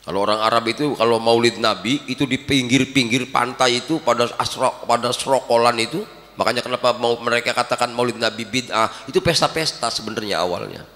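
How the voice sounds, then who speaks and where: A man preaching a storytelling sermon on the Quran in a mosque, speaking animatedly with sudden loud exclamations and questions to the congregation. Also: medium pitch, a little fast, in a large hall. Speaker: preacher teaching Quran exegesis.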